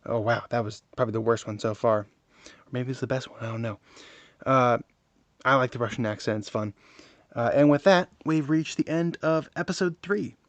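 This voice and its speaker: A man's voice: medium pitch, normal speed, no room sound. A man hosting a gaming channel and giving casual gameplay commentary in a wry, offhand way.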